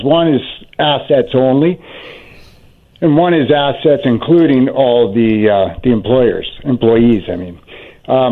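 A man calling in to a radio advice show over the phone, asking questions politely and apologizing when he cuts in. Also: mid-range voice. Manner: polite, asks plain questions, apologizes for interrupting. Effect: phone line on air. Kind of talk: casual phone call.

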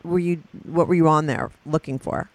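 A man's voice: on the high side, fairly even intonation, moderate pace, no room sound. A man interviewing a guest, probing and rephrasing his questions casually.

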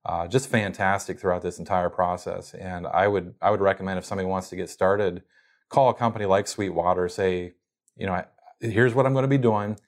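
This man's voice sits low, with fairly even intonation and a brisk delivery. As a guest being interviewed, he casually walks through how he runs his company's podcast, stumbling into plenty of fillers and restarts.

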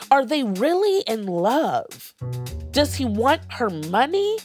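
A woman hosts a podcast in scripted narration, her pitch swinging widely as she tells the story. She has a mid-range voice. Faint music sits under her words. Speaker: podcast host.

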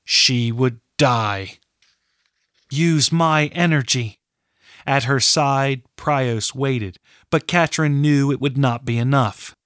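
A man reading a fantasy novel aloud as narrator, in a measured, steady storytelling manner. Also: medium pitch, dry recording, studio quality. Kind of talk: scripted audiobook narration.

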